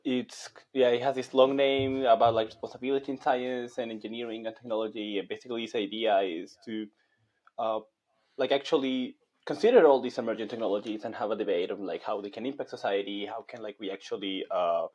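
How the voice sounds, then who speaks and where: A man's voice: on the low side, fairly even intonation, brisk, a little mellow, lo-fi sound. A young man from Chile, a master's student and guest, talking casually on a video call with many "like"s and "um"s. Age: young adult. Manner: hesitant, many fillers like "like" and "um". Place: small bright room indoors. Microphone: headset on a video call.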